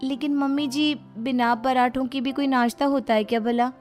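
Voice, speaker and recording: Woman voicing a cartoon daughter-in-law, young, high-pitched, pleading, dutiful, light music behind. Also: fairly even intonation, normal speed, natural voice. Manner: pleading, gently scolding.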